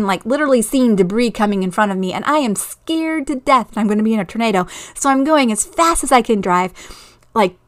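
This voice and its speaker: A woman's voice: fairly high pitch, a bit bright. Earnest woman hosting a faith podcast. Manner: earnest, storytelling, laughs at herself. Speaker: podcast host.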